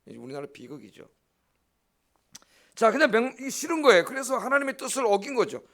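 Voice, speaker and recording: A man's voice: very high voice, very animated, a little fast, a bit bright. A middle-aged man, a pastor preaching a dawn service sermon in an emphatic, blunt way, often checking in with the congregation. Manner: blunt, scolding asides.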